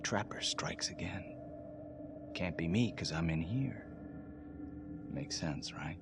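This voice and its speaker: An actor playing a desperate male death-row inmate who swings between hushed whispers and sudden shouts, in a video game cutscene. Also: deep voice, animated, slow, noisy background, heavily acted. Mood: confiding. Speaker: prisoner. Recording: game audio with loud background music.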